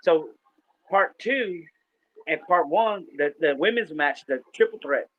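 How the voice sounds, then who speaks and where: This podcast co-host has a slightly high voice with lively intonation, and he takes his time. He rambles through stories in casual chat, full of fillers and restarts, and the recording sounds dull and lo-fi.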